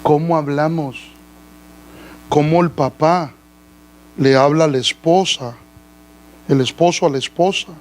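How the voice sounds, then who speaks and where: With a fairly high, slightly mellow voice, a male pastor preaches unhurriedly in church, leaving long pauses. He asks his congregation questions and calls them brother, captured on a rough recording.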